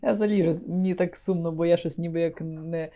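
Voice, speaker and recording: A man's voice: fairly high pitch, steady tone, fairly quick, dark tone. A man co-hosting a podcast, playful and rambling, often stumbling and restarting his words. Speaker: podcast co-host. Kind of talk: casual joking chat.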